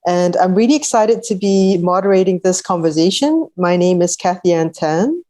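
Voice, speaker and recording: A woman's voice: fairly low pitch, animated, moderate pace, dark tone. A woman moderating a poetry reading, introducing the guests in a fluent, formal way with small hesitations. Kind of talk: introductory speech.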